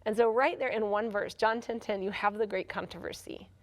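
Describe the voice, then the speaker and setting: A woman's voice: medium pitch, steady tone, brisk. Earnest woman explaining her ministry. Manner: earnest, explanatory, laughs easily. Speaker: ministry founder, guest. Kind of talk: television interview.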